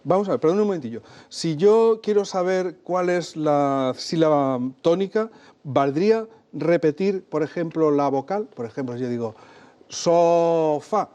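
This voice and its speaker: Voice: medium pitch, animated, moderate pace, mellow. A host interviews a guest on an educational program. The host checks understanding with frequent tag questions and short affirmations. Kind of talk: conversational interviewing.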